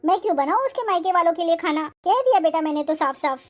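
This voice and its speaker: A woman voicing a stern, proud middle-aged mother-in-law in a cartoon, with a scolding, sharp-tongued way of talking. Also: extremely high pitch, animated, quick pace. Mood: complaining.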